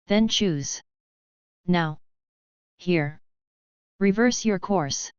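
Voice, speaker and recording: A woman voicing a gentle, quietly persuasive man in a fan-fiction audio story. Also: fairly low pitch, extremely slow, smooth, dry recording. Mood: earnest. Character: gentle light-side man, calm persuader. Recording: slightly dull, dry recording.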